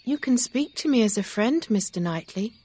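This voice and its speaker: A woman reading aloud, voicing an earnest young gentlewoman who speaks with emotion. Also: a little high, lively intonation, normal speed, breathy edge, voice pushed up.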